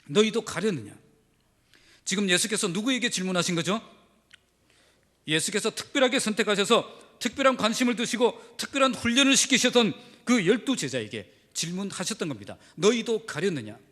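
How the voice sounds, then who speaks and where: A man preaching a sermon as pastor, his voice set high and swinging widely in pitch. He presses his points with emphatic rhetorical questions to the congregation. The sound is bright and carries a long reverberant tail, as in a church sanctuary. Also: sing-song, brisk.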